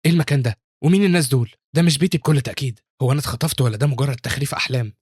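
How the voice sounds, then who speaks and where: A man's voice: medium pitch, racing, darkish tone, breathy edge, dry recording, studio quality, close to an everyday voice. A man voicing a bitter young graduate's inner thoughts. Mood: bewildered. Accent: Egyptian Arabic. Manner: inner monologue, indignant.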